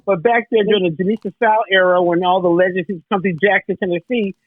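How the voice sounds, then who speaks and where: A woman's voice: mid-range voice, steady tone, fast talker, dry recording. A woman hosting an interview in a casual chat, giving compliments and asking long, rambling questions. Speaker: interview host. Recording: dry phone-like line.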